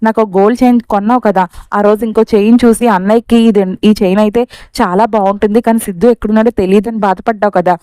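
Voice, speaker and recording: A woman's voice: medium pitch, steady tone, fast, mellow, smooth, dry recording, close to an everyday voice. A woman reading the lines of an eager young sister who dotes on her brother, in a pleading way.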